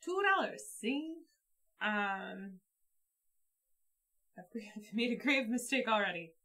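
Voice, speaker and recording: Bright chatty woman at a board game table. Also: mid-range voice, animated, takes it slowly. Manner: chatty, thinks aloud while playing. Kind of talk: casual board game chat.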